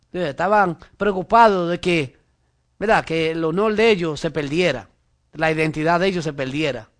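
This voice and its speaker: Man, high-pitched, conversational preacher, frequent amen asides. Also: normal speed. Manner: frequent "¿verdad?" and "amén" asides, addresses listener directly. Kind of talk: conversational sermon.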